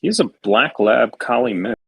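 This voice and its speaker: A man hosting a live stream, giving chart commentary in a measured, hedging way with frequent restarts. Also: medium pitch, lively intonation, creaky, a bit bright, breathy edge, no echo, rough recording. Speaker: stream host and chart analyst.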